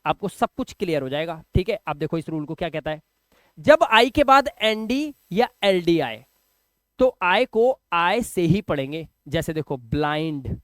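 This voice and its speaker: A man gives an English lesson in a high, smooth, clear voice. He speaks emphatically, repeating words and asking the viewer questions. The sound is dry and close. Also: lively intonation, a little slow, dry recording. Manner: emphatic, repeats each word and quizzes the viewer. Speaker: English teacher. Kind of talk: spoken classroom lesson.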